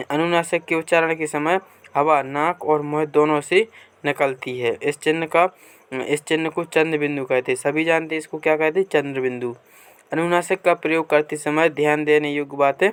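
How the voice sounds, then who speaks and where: A man teaching a Hindi grammar lesson from a workbook, reading passages aloud slowly and answering his own questions as he goes. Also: fairly high pitch, clear, resonant tone.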